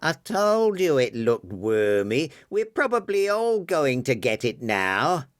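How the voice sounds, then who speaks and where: A shrill, fussy man in an audiobook, quick to complain, as the male narrator voices him. The recording is close and dry. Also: big pitch swings, clear, resonant tone, no echo.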